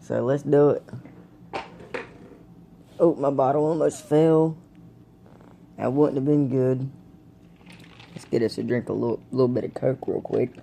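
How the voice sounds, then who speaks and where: A man's voice: medium pitch, steady tone, unhurried, gravelly, long pauses, dark tone, a little hiss or hum. A young man in a casual home video, talking in a laid-back, rambling way to his viewers, with the hiccups. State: has the hiccups. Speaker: vlogger reviewing dip tobacco. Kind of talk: casual vlog chat. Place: indoors at home, camera propped on a blanket.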